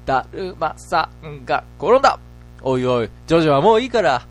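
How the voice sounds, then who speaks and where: Brief: a bossy, easily baffled male teacher read by a man, fairly high, lively voice, faint music behind. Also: racing. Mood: teacherly. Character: flustered male schoolteacher leading a game.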